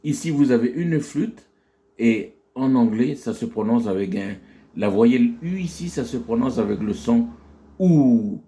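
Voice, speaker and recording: A man's voice: medium pitch, lively intonation, normal speed, warm tone. A man teaching a phonetics lesson, explaining with many fillers and restarts and stretching out English words to model their pronunciation.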